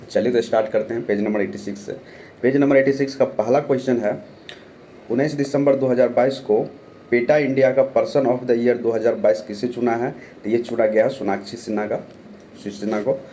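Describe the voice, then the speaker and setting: A young Bihari man teaches an online current-affairs class for exam prep, sore throat and all. His dark, mellow, mid-range voice moves briskly with fairly even intonation as he reads each question, supplies the answer, and repeats key names, with faint background noise.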